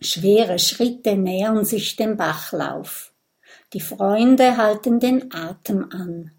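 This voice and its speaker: A woman narrates a children's story in an unhurried, measured way. Her pitch sits in a plain middle range, and she leans gently into each scene. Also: creaky. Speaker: audiobook narrator. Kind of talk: children's audiobook reading.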